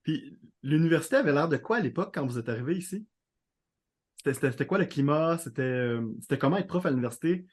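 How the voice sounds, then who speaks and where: Male interviewer with a slightly high voice who asks quick, rambling questions. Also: animated, husky.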